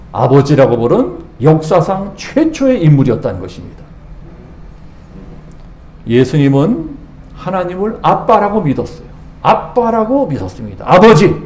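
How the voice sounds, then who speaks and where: A senior pastor with a somewhat high, darkish voice preaches a Sunday sermon in a church sanctuary. He delivers it emphatically, throwing rhetorical questions at the congregation, and the room is echoey.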